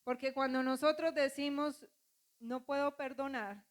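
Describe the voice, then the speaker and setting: A woman's voice: sits high, steady tone, a little slow. A woman pastor preaching a sermon, calling on the congregation to repeat after her and acting out quoted voices.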